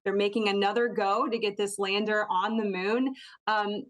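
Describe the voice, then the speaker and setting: A woman's voice: mid-range voice, fairly even intonation, normal speed. An American woman conducting a conversational broadcast interview as a local TV journalist.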